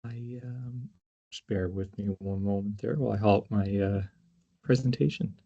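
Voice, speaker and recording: A man giving a halting online conference presentation, hesitant and constantly pausing with uhs. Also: fairly low pitch, dark tone, breathy edge. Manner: hesitant, very frequent uhs and pauses. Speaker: conference presenter from a justice charity. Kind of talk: halting presentation on a video call. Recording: dull, lo-fi online call audio.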